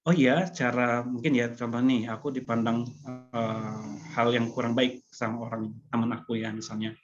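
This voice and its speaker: A man explains things calmly in an online webinar, pausing on fillers as he works out his advice. His voice sits in an ordinary middle range. The call audio is muffled and lo-fi. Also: medium pitch, faint music behind. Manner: calm, explaining with many fillers. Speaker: webinar speaker.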